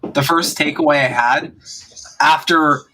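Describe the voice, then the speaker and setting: A man's voice: fairly high pitch, a little slow, noisy background. A man hosting a podcast, talking politics in a casual, profane and emphatic way. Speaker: podcast host.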